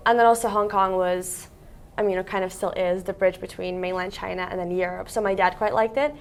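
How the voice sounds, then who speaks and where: A woman's voice: mid-range voice, steady tone, a little fast. A young woman from Russia talks casually as an interview guest. Her speech is chatty and loose, full of "like" and "um." She sits at a table in an office meeting room. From Siberia, Russia. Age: young adult. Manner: chatty, lots of "like" fillers. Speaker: guest, content creator.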